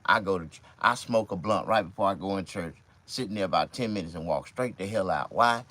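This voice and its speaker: A vlogger and stand-up comedian around fifty, with a Mississippi accent and a low voice, talks to camera fairly quickly. His monologue is loose, profane and rambling, punctuated by sudden loud outbursts.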